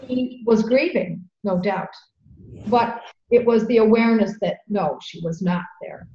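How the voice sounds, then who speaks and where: A woman's voice: mid-range voice, a little slow, dark tone. A woman practitioner of homeopathy, talking earnestly in a conversational storytelling way, often repeating words. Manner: earnest, fillers, repeats words when emotional. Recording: echoey room, dull lo-fi sound.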